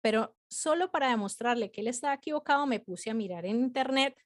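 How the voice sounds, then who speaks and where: Brief: woman in her thirties, interview guest, somewhat high voice, animated and chatty storyteller. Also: fast talker. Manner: animated, chatty, frequent filler words.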